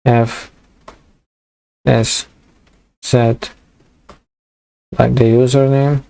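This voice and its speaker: A young man walking through a coding tutorial in a halting way, full of fillers and restarts, as his voice gives out. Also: medium pitch, flat delivery, gravelly, dark tone. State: losing his voice. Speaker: programming tutor. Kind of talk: screen-recorded coding tutorial.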